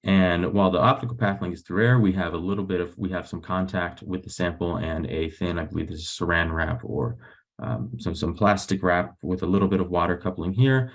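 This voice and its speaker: Over a video call, a young male grad researcher delivers a technical webinar at a fairly quick pace, his low voice creaky and his explanations a bit hesitant.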